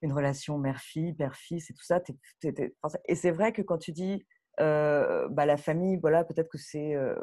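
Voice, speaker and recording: On a panel as a guest director, a woman speaks spontaneously and casually, getting animated and wandering off on tangents. Her voice sits low, and she keeps a moderate pace.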